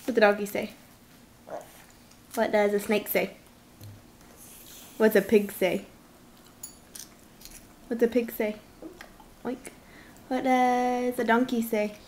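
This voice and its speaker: A woman's voice: on the high side, level tone, slow pace, long pauses, a little mellow, a little hiss or hum. A woman at home at mealtime, patiently quizzing her toddler in a sing-song voice and repeating questions, recorded on a home video camera.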